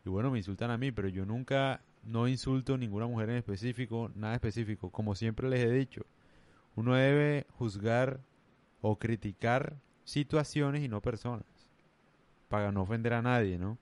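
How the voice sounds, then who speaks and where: A man's voice: medium pitch, moderate pace, a little mellow. Rambling man with a Colombian coastal accent. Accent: Colombian Caribbean coast. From Caribbean coast of Colombia. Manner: rambling, emphatic, heavy slang. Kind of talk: casual rant to camera.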